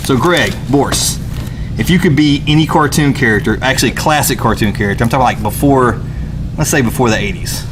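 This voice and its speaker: A man's voice: medium pitch, fairly quick. 40s guy hosting a podcast, easygoing and rambly, car noise going underneath. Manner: loose, rambling, laughs easily. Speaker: podcast host. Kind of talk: casual live podcast chat.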